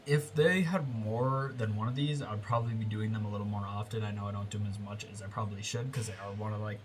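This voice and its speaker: A man's voice: on the low side, background noise. Stuffy-nosed young American man rambling. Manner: rambling, with self-corrections and filler words. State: congested, stuffy nose. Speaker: fitness vlogger. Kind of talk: casual voiceover commentary. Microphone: close voiceover mic.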